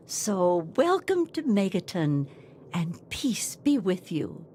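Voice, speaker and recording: A woman's voice: lowish voice, very animated, slow pace, warm tone, slight background noise. A woman voicing a nosy, sweetly sanctimonious female cult prophet who gossips in a video game. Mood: sweetly preachy. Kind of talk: video game character dialogue.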